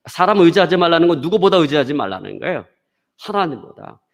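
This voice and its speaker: Korean pastor preaching with a story. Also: male voice, on the high side, sing-song, fast, gravelly. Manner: preaching with a story, addresses the congregation often. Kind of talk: sermon.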